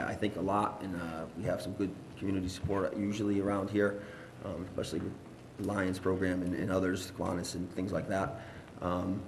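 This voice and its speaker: Deep-voiced man, echoey meeting room. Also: a little hiss or hum. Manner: earnest, rambling with fillers. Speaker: teacher and parent speaking at a board meeting. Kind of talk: informal public remarks. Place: school board meeting room.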